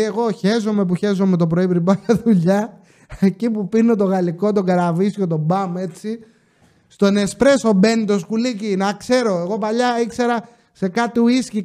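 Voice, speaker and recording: High-voiced joking man telling stories. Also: warm tone. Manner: joking, chatty asides to listeners. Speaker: podcast host. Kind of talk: casual comic storytelling monologue.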